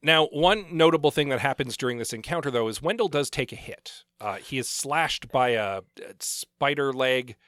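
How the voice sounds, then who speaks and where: A man's voice: medium pitch, moderate pace, hardly any pauses, fairly bright tone, no room sound, clean studio sound. A man with a scratchy, slightly wheezy voice from a cold, chatting casually as he co-hosts a book recap podcast. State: getting over a cold. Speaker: podcast co-host.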